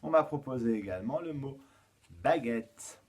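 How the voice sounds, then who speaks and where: A man teaching a remote lesson to young children, counting aloud slowly and patiently, with frequent fillers as he explains. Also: on the low side, darkish tone, slight background noise. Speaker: kindergarten teacher.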